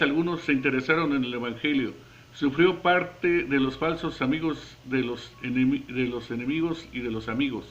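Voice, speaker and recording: A man earnestly reading a devotional Bible commentary at a measured pace, with occasional stumbles, closing in prayer. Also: a little high, fairly bright tone, lo-fi sound. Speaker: devotional preacher.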